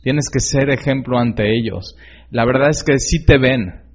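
A man's voice: mid-range voice, measured pace, husky. A man preaching a sermon in an earnest, conversational way, often asking the listener direct questions. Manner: conversational, with many fillers and tag questions. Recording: slightly dull lo-fi recording.

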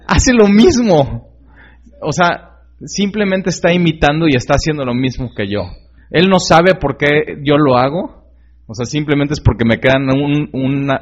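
A man preaching a sermon in an earnest, conversational way, often asking the listener direct questions. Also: medium pitch. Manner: conversational, with many fillers and tag questions. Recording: slightly dull lo-fi recording.

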